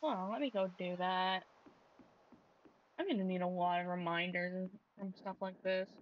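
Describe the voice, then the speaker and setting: A woman's voice: on the low side, moderate pace, dull audio, slight background noise. A young woman streamer giving casual, chatty, self-deprecating commentary while she plays a game, with frequent exclamations.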